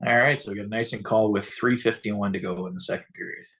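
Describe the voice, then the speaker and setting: A man's voice: on the low side, steady tone, quick pace, fairly bright tone. A man from Canada co-hosting a casual fan stream, chatting easily and reading out viewer comments. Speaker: co-host of a fan game-watch stream. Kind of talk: casual live game chat.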